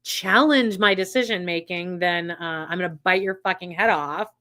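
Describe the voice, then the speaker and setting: A woman with a Canadian accent co-hosting a podcast, throwing in sarcastic quips and quick agreement. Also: on the low side, bright, forceful tone. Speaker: podcast co-host. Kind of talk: snarky casual watch-along chat.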